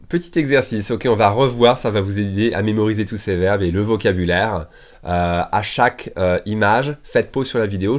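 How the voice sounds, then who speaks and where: A man teaching an English lesson on video. He says English phrases slowly and repeats them, then explains in French with lively jumps in pitch. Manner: lively, with sudden rises in pitch and loudness.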